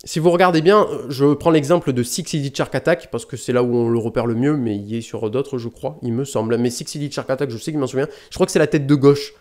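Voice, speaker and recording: A man hosts a casual unboxing vlog at mid pitch. He rambles, swears lightly and keeps correcting himself. He talks close to a desk mic. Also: quick pace, hardly any pauses, a little mellow. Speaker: YouTube DVD collector host.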